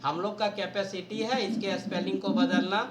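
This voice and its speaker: Male teacher, high-pitched, patient explainer, classroom lesson, echoey room with faint noise. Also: little pitch movement, normal speed. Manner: explains patiently, often checks understanding.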